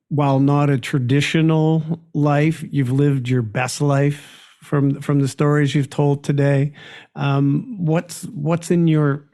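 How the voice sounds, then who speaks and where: A man hosting a podcast who asks his questions haltingly, repeating words as he goes. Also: on the high side, dark tone. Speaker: podcast host. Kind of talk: interview questions.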